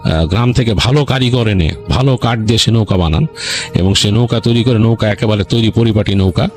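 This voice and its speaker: Speaking briskly in a fairly low voice, a man with a Bangladeshi accent narrates a ghost story on a radio-style show. His storytelling is informal and rambling, sprinkled with explanatory asides.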